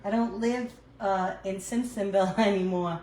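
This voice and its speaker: While cooking at home, an older woman with a New York accent chats live with viewers and answers them, captured on a phone. Her voice is medium-pitched and darkish with fairly even intonation at a moderate pace, and the low-quality recording is reverberant.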